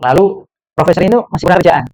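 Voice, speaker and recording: Animated male preacher telling stories. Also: high-pitched, racing, no room sound, low-quality recording. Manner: animated storyteller, slips in English phrases. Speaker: Islamic preacher. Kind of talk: religious study talk with storytelling. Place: Islamic boarding school.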